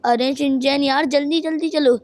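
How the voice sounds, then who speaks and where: A nervous crybaby of a cartoon boy, voiced by a woman in a gameplay dub. His voice sits high and he pleads anxiously with his friend. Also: fairly even intonation, moderate pace, close to an everyday voice. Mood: worried. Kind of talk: voicing cartoon characters over gameplay.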